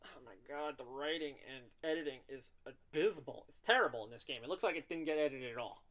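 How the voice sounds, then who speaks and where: A man playing a visual novel on his channel, reading the text aloud and joking about the bad writing. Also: a little high. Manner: animated, rambling, quick to mock the writing. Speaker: gaming YouTuber. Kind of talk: let's play, reading game text aloud with commentary.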